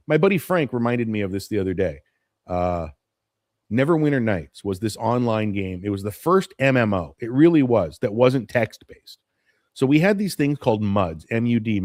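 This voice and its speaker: A man in his forties speaks animatedly at a moderate pace, his medium-pitched voice darkish, in a dry studio-quality recording. He hosts a morning live stream, rambling nostalgically to viewers about how things have changed and frequently going off topic.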